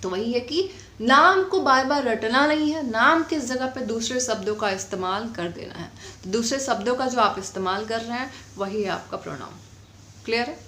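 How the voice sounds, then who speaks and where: In a classroom-style English grammar lesson, a woman explains things patiently, dictates definitions slowly, and keeps asking whether her students have understood. Her voice is a little high, expressive, and sharp in tone. The sound is roomy, with slight background noise.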